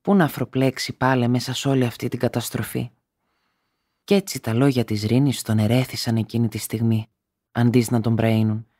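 A man reading a classic story aloud in a steady, measured way. His voice sits at a middle pitch. The recording is dry and close, with no room sound. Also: dry recording. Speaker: narrator. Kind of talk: literary audiobook narration.

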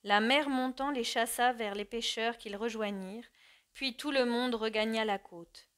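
A woman reading a classic novel aloud in a measured, expressive narration. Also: a little high, smooth. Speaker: audiobook narrator. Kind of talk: literary audiobook reading.

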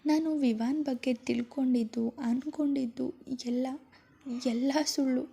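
A woman's voice: high voice, steady tone, unhurried, creaky, warm tone, husky, exaggerated voice. A woman voicing a hurt, tearful young woman speaking in an upset, pleading way.

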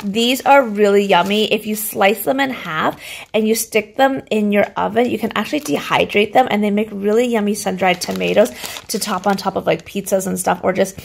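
A Canadian woman in her thirties chats to a phone camera held at arm's length in her home kitchen, rambling through a grocery haul for her vlog and laughing often. Her medium-pitched voice is gravelly and a little fast, with slight background noise.

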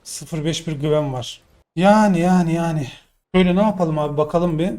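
Excitable young man streaming a game. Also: on the high side, brisk. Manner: excitable, swearing, frustrated outbursts. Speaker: gaming streamer. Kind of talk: live gameplay commentary.

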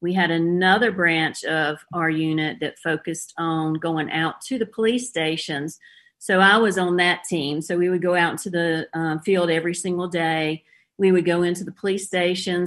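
Woman, Southern US accent, middle-aged, former police officer, plainspoken, low-pitched. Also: fairly even intonation, normal speed. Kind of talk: casual interview storytelling.

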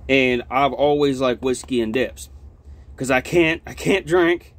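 A man's voice: medium pitch, a little slow, no echo. A young adult man with a lip full of dip, chatting casually and rambling with plenty of swearing as he reviews a product on a vlog. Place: small cluttered log-walled room, indoors.

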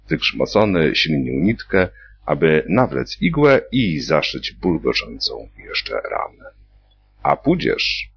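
A man reading a satirical story, narrating in a slow, playful way. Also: rumbling low. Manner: slow, gravelly, playful voicing of characters. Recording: dull lo-fi recording.

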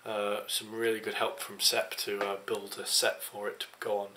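Here the young man from England talks at normal speed in a monotone, his lowish voice bright and forceful. Tired and hesitant, he rambles through a casual vlog into his desk webcam in a cramped home office, with slight background noise.

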